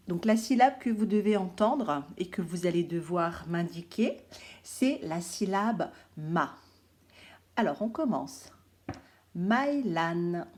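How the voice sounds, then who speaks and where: Brief: female schoolteacher from France, patient and clear, says words slowly for young pupils. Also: mid-range voice, darkish tone. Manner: slow, clear, repeats words syllable by syllable. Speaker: primary school teacher. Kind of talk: recorded remote phonics lesson for children.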